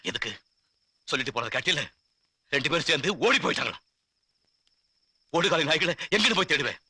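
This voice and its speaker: A bitter dad, quiet, lively pitch swings, tense bright voice. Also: male voice, fairly quick, a little hiss or hum, heavily acted. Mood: bitter resigned. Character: bitter, wounded middle-aged father disowning his son.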